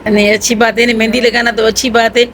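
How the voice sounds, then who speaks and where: A woman's voice: fairly high pitch, level tone, fairly bright tone, a little hiss or hum, rough recording. Chatty woman vlogging at home. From Pakistan. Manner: chatty, narrating what family members are doing. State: headache, low energy. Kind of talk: casual home vlog narration.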